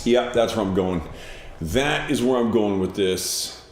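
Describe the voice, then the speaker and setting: A man with a lowish voice talks slowly while he composes on a livestream, thinking aloud and correcting himself as he goes. The room sounds roomy, and a guitar is heard clearly behind him. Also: expressive. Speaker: musician streaming while composing. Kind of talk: casual livestream talk while working.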